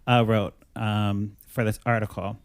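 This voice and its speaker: Animated male podcast host. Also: on the low side, a little slow, smooth, dry recording, clean studio sound. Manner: animated, reads quotes aloud and gets worked up. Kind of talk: casual chat.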